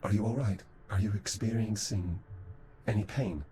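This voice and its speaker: A man's voice: lowish voice, moderate pace, mellow, a little hiss or hum, lightly acted. A man playing an earnest, dutiful space-crew helper in a video game, polite and plain-spoken. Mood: worried.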